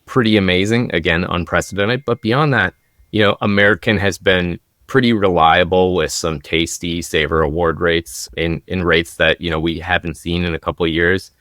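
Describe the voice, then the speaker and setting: A man's voice: low voice, steady tone, moderate pace, fairly bright tone, dry recording, studio quality. A man speaking as an expert guest on a podcast, explaining things upbeat and enthusiastically. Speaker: travel deals expert guest. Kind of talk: podcast conversation. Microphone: podcast microphone.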